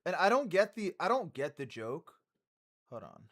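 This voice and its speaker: Casual rambling male streamer, fairly high voice. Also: sing-song, moderate pace, a bit bright. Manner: loose, rambling, swears, laughs often. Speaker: streamer commenting on music news. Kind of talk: casual reaction commentary.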